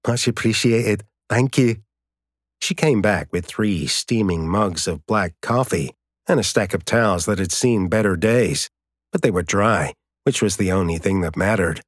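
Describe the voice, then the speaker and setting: A man narrating an audiobook in a steady, measured way, recorded close on a studio mic. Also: low-pitched, no echo. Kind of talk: scripted narration.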